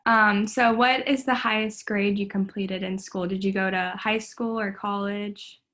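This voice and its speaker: A woman's voice: medium pitch, fairly even intonation, unhurried, fairly bright tone. A young woman running a student clinical interview, friendly and tentative, with frequent ums.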